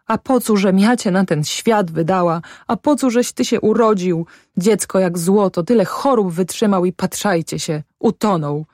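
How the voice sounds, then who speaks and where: A woman's voice: mid-range voice, normal speed, few pauses, darkish tone, no room sound, clean studio sound, lightly acted. A woman voicing a grieving peasant mother, lamenting in a raised voice in an audiobook. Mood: wailing grief. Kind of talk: audiobook character voice.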